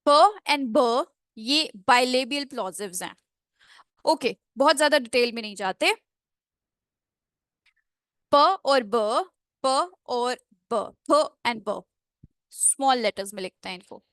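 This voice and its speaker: High-voiced woman teaching pronunciation. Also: expressive, a bit bright, dry recording, clean studio sound. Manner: drills phrases slowly, syllable by syllable; mixes English into Hindi explanations. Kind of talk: online class lecture.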